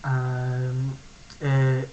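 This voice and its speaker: A young man from California in his late teens with an American accent, a native English speaker giving a halting, casual self-introduction on his vlog as he searches for words. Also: medium pitch, monotone, dark tone, dull audio, slight background noise. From California, USA. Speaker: vlogger.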